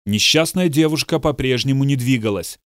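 A man's voice: mid-range voice, normal speed, no room sound. Dry-voiced male audiobook narrator. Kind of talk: scripted narration.

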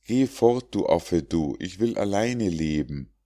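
Ein Mann spielt Vulkan, einen jähzornigen Schmiedegott. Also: male voice, low-pitched, expressive, slow, warm tone. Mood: exasperated. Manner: exclaiming, exasperated outbursts. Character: grumpy, quick-tempered male smith god. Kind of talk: audiobook reading of rhymed fables.

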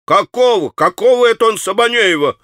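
A man voicing an excitable, dim-witted young shop clerk who shouts and repeats himself in an audiobook. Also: on the high side, measured pace, dry recording, studio quality, voice pushed up. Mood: agitated.

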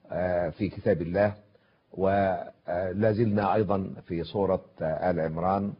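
Husky older man lecturing on scripture. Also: fairly low pitch. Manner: measured, reciting verses, pausing with drawn-out fillers. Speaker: scholar giving a televised Quran commentary. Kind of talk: formal televised religious lecture. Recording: dull lo-fi broadcast audio.

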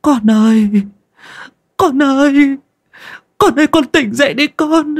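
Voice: mid-range voice, very animated, moderate pace, a little mellow, slightly rough, pitched above the performer's own voice. A reader voicing a grieving older noblewoman, a frantic mother crying out over her child in an audio storybook. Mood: wailing. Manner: wailing, sobbing cries.

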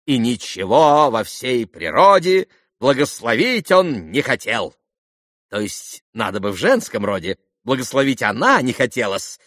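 A man voicing a servile, buffoonish, agitated middle-aged captain in an audiobook, with a shrill, fawning, theatrical delivery. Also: big pitch swings, unhurried, a bit bright, no room sound, studio quality.

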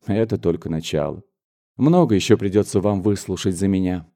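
A man reading an audiobook, voicing a brooding, bitter young gentleman in a low, restrained voice. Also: fairly quick. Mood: grave. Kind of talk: audiobook character voice.

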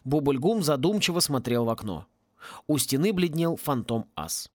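Lively male audiobook narrator. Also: a little high, normal speed, no room sound, studio quality. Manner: ironic, lively storytelling.

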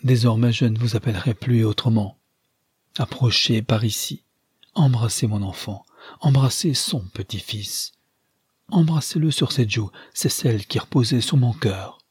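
A man's voice: medium pitch, measured pace, husky, no echo, studio quality. A man voicing an impassioned young mother. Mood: urgent tender. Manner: pleading, urgent.

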